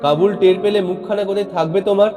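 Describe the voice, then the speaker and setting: Guy doing an angry suspicious older wife, nagging, soft warm tone. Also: sits high, steady tone, fast, pitched above the performer's own voice, close to an everyday voice. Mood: indignant. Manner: scolding, indignant. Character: older housewife, suspicious, sharp-tongued, quick to anger. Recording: long reverb, faint background music.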